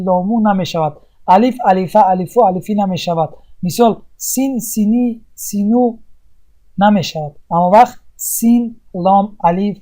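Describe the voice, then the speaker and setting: Mellow-voiced patient recitation teacher. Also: mid-range voice. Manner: asks and answers own questions; explains step by step with many pauses. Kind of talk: tajweed lesson.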